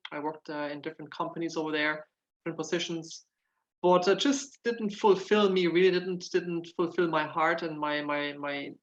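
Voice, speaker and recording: A nutritional therapist from Germany answers casual interview questions as a guest, his German accent carrying a touch of Irish. His voice sits on the high side with a slightly bright tone, and the recording is muffled. He speaks earnestly and often repeats words while searching for the next one.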